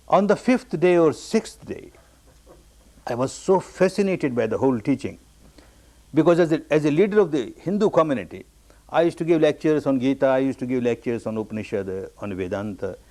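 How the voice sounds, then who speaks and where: Man from burma giving a meditation talk, says things over and over, pitch jumps way up on the big words. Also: a little mellow. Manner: repetitive, emphatic phrasing with sudden high rises on key words. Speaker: meditation teacher. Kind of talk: dharma discourse recounting his own story.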